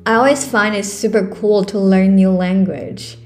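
Soft music plays behind this young woman from China as she hosts her own podcast in casual, earnest solo talk, her Chinese-accented speech full of fillers and restarts. Her mid-range voice keeps fairly even intonation at a normal speed.

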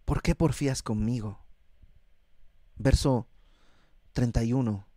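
A man's voice: medium pitch, slow pace, mellow, no room sound. Man preaching, dry close sound. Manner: conversational, acts out voices of people. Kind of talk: sermon teaching.

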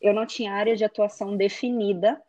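Guest, woman, 30s, Minas Gerais Brazilian accent, casual and hesitant, mid pitch. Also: fairly even intonation, fast talker, warm tone, dull audio. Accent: Brazilian Portuguese, Minas Gerais. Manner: chatty, hesitant with many fillers. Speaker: guest, digital influencer. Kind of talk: casual interview chat.

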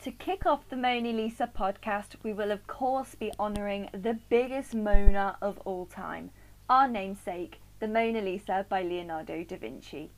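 A woman's voice: medium pitch, moderate pace, low-quality recording. A young woman co-hosting a podcast, speaking in an upbeat, playful way. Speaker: podcast co-host. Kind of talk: casual chat.

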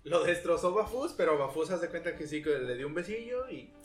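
A man's voice: fairly high pitch, fairly quick. A young man with a Mexican Spanish accent, co-hosting a casual chat and acting out his stories with lots of laughter. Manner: animated storyteller, acts out quotes, laughs often. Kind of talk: casual chat among friends. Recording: roomy sound with faint guitar music.

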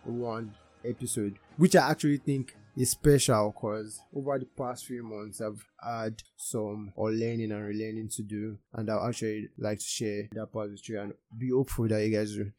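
A man's voice: fairly low pitch, level tone, moderate pace, hardly any pauses, a little mellow, soft background music. A young man with a Nigerian Yoruba accent hosting a casual podcast. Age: young adult. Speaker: podcast host.

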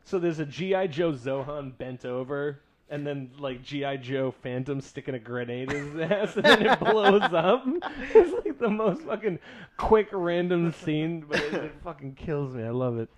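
A man's voice: fairly high pitch, normal speed, a crowd in the background. A man in casual podcast chat, rambling and swearing, often laughing.

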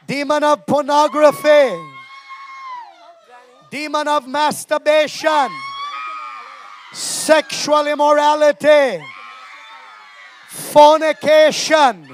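A man preacher shouting deliverance prayers, commanding spirits out in slow, repeated chant-like phrases. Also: very high-pitched.

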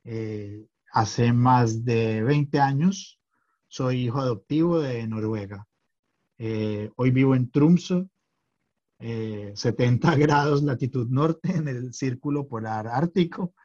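A man's voice: mid-range voice, slow pace, a little mellow. Guy on a podcast, lots of ehs, kinda dull muffled audio. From Colombia. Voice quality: hesitant, many fillers and restarts. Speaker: podcast guest. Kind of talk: casual chat.

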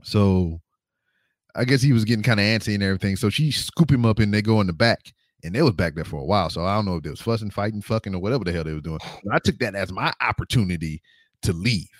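A man's voice: on the low side, quick pace, no echo, clean studio sound. A man guesting on a podcast, telling a story in a casual, slangy, profane way into a desk microphone on camera.

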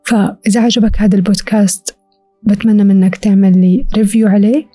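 A woman's voice: medium pitch, dark tone, no room sound. A woman with a Levantine Arabic accent hosting a reflective self-help podcast as a monologue, addressing the listener directly and instructively. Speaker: podcast host.

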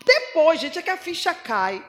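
A woman preacher, telling a testimony in a lively, mocking way and acting out the voices she quotes. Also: extremely high pitch, moderate pace. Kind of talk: sermon with testimony.

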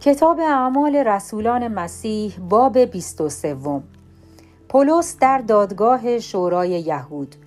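A woman reads scripture as narrator in calm, measured storytelling. Her voice sits a little high, and faint background music runs beneath the reading. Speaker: Bible reader.

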